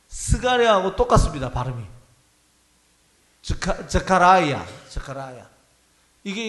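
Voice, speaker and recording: Male pastor with a high voice, conversational sermon delivery, recorded in a reverberant church. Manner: conversational preaching, asks the congregation questions. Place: church sanctuary. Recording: echoey church hall.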